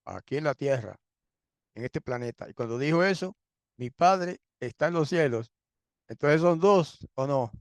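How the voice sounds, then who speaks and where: Guy preaching a bible lesson, kinda high voice, dry close sound, keeps clearing his throat and asking the crowd questions. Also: animated, unhurried, dry recording. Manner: frequent throat clearing, rhetorical questions, repeats points for emphasis. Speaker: Bible teacher. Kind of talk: teaching sermon.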